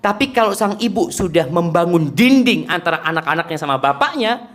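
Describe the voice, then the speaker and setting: A man's voice: sits high, animated, fairly quick. A middle-aged man giving a sermon, answering audience questions and acting out parents and children in quoted voices. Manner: rises to loud emphatic peaks, drops to soft asides. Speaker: preacher.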